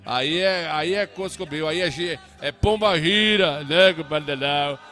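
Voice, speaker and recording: A man's voice: a little high, a little slow, sharp tone, soft background music. A man hosting a live radio show, joking in a folksy, teasing way and calling friends compadre.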